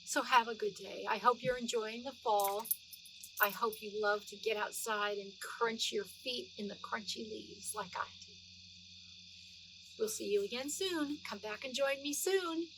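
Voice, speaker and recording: A middle-aged woman with a high voice tells a children's story expressively, stretching out words and adding chatty asides. There's faint background noise.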